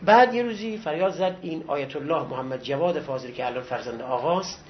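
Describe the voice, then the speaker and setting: A man's voice: a little high, animated. A middle-aged man, a seminary teacher, lecturing a class in a conversational, reminiscing way and giving encouragement. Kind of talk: lecture with personal anecdotes. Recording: dull lo-fi recording with faint hiss.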